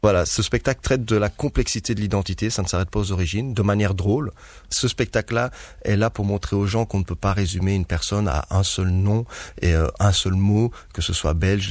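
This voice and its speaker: A man's voice: lowish voice, fairly quick, darkish tone, no room sound. A young man, a stage performer raised in Guinea, speaking earnestly as a guest in a radio interview and laughing often as he tells stories.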